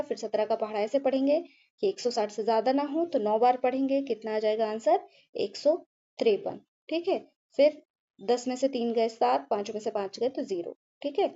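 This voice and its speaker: In a brisk but patient manner, a woman with a high, mellow voice takes her class through a maths problem one careful step at a time. She checks in with the students again and again, poses questions to herself and answers them, and keeps repeating "ठीक है". The audio is somewhat dull and lo-fi.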